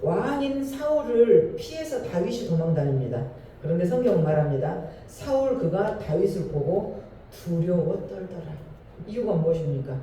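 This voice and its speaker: A man's voice: high voice, lively intonation, normal speed, warm tone, a little hiss or hum. A male pastor preaching a Sunday sermon in a church, asking the congregation questions and stressing his points with emphasis. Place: church sanctuary. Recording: echoey hall from far off.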